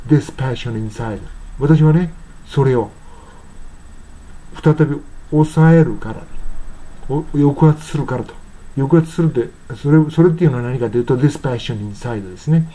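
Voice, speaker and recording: A man explaining the words of an English song in an unhurried, halting way, with many fillers and slow, careful reading of the English lines. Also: a little high, mellow. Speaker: English teacher.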